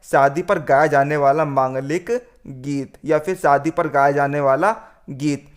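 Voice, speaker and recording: A man's voice: on the high side, steady tone, measured pace. A male teacher working through a worksheet lesson. He keeps saying "theek hai" and calls the students "friends.". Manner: repeats "theek hai", addresses "doston".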